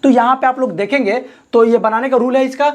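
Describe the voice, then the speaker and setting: A male English grammar teacher giving a lesson. He asks questions and answers them himself, slows down to spell out example sentences, and adds joking asides. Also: extremely high pitch. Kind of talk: classroom-style grammar lesson.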